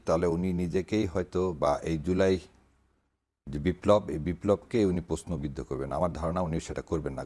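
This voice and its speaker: A man's voice: sits low, darkish tone. A man speaking as a political guest on a talk show, greeting viewers formally and mocking opponents' wording. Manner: opens with formal greetings, mocks others' phrasing.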